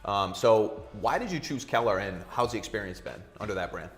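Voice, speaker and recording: A man hosting an interview segment, friendly and brisk with a promotional manner. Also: lowish voice, expressive, soft background music. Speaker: interview host. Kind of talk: hosted interview.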